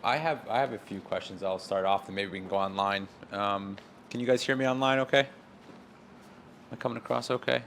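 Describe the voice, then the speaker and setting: A man with a fairly low voice hosts a question-and-answer session. He talks in a casual, friendly way and checks in easily with the audience. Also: fast, a bit bright, a little hiss or hum. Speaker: workshop moderator. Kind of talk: asking questions in a Q&A.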